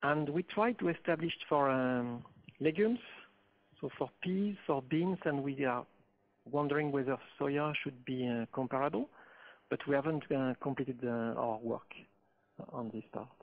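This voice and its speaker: A man on a webinar panel answers questions in a slow, halting way, pausing often to find his words. His voice is gravelly, and it comes through a thin, phone-like line. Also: medium pitch. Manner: halting, many pauses and fillers. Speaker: webinar panelist, seed treatment expert.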